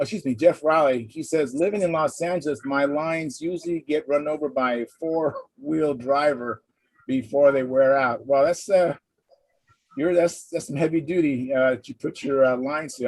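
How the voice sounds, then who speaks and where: A man hosting a casual live hangout, chatting in a halting, conversational way and reading out comments. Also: a little high, husky, dry recording. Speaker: host of a hobby livestream hangout. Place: live online video hangout.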